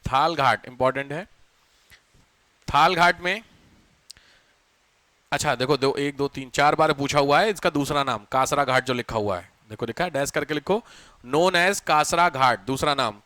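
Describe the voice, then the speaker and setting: A male teacher giving a chatty geography lecture to a class, dictating notes slowly and asking students questions between anecdotes. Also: fairly high pitch, pushed and bright, no room sound.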